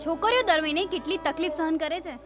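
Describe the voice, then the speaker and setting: An actress playing a kind female teacher who calmly explains things to a scared girl, over film music. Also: very high-pitched, quick pace. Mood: explaining. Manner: calm, explaining warmly.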